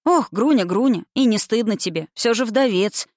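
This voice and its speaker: A woman reading aloud gives a stubborn, quick-tempered young noblewoman a lively, raised voice. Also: dry recording, studio quality, close to an everyday voice. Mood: brisk. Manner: lively, pitched up.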